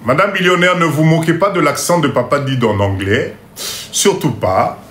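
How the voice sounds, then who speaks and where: A man giving a live class on import-export, going slowly, repeating each point, checking that everyone follows, and joking about his own English. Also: a little high, fairly bright tone, echoey room. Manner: mixes in Lingala phrases and jokes about his English. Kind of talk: live online lesson.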